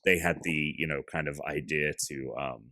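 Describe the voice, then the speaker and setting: A man's voice: extremely low pitch, fairly even intonation, normal speed, bright, forceful tone, dry recording, clean studio sound. A man chatting casually as a podcast guest, rambling with lots of fillers. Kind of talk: casual chat.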